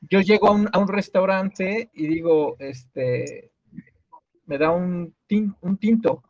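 A Mexican man with a Mexican Spanish accent hosts a relaxed group conversation, asking curious questions and often restarting his sentences. His voice sits a little high for a man, and the sound is close and dry with almost no room echo. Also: takes it slowly, lo-fi sound. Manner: curious, asks lots of questions, hesitant restarts. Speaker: host. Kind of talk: casual group chat on a call.

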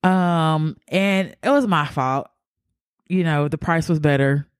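A woman with a somewhat low voice co-hosts a casual podcast, drawling through slang and breaking into laughter. The sound is dry and close, with no room around her. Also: slow pace, smooth, no room sound. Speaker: podcast co-host. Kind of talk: casual chat.

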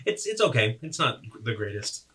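Bright-voiced man narrating a tabletop game. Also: medium pitch, very animated, normal speed. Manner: rambling, self-correcting descriptions with many fillers. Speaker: game master.

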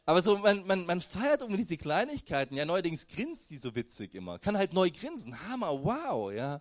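A man's voice: high-pitched, a little fast, no echo. A young man giving a casual, conversational sermon, talking straight to his listeners. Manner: conversational, lively, addresses listeners directly with "hey" and "weißt du". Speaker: preacher.

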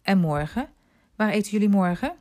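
A woman's voice: mid-range voice, animated, moderate pace, darkish tone, pitched above the performer's own voice, close to an everyday voice. A woman voicing an eager, curious young boy who is sick and confined to bed, in a storybook reading.

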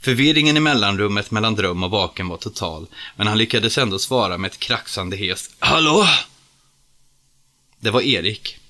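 Low, bright-toned male storyteller. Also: few pauses. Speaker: narrator. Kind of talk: audiobook story reading.

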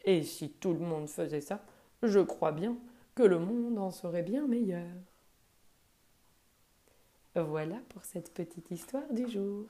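A storyteller reading a children's tale aloud, gently, speaking straight to the young listener. Her voice is mellow and warm, pitched a little low. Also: animated, slow pace, pauses often.

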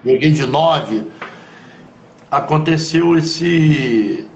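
A man with a Carioca accent, a former footballer, telling stories from his past in an interview, in an animated, slangy way full of asides. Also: fairly high pitch, very slow, slight background noise. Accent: Carioca Brazilian Portuguese. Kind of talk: conversational storytelling interview. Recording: roomy echo.

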